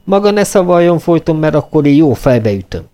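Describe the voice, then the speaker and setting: A gruff, short-tempered legionnaire from an audiobook, speaking bluntly and a little higher than the narration. He sounds ready to throw a punch at any moment, voiced by a man. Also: big pitch swings, dark tone. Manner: blunt, threatening, mumbling at times. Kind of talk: audiobook character voice.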